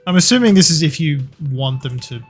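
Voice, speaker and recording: Chatty streamer, slightly high voice. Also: male voice, lively intonation, fairly quick, slightly rough, faint music behind. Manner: chatty, swears freely, playful rants. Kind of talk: casual live-stream chat while gaming.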